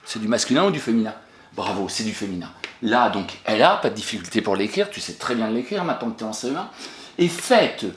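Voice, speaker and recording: A man's voice: on the low side, very animated, fast talker, reverberant, a little hiss or hum. French guy teaching little kids spelling over video, patient, lots of bravos, bouncy voice. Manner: encouraging, patient, questions and praises pupils. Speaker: primary school teacher. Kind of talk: remote spelling lesson for young children.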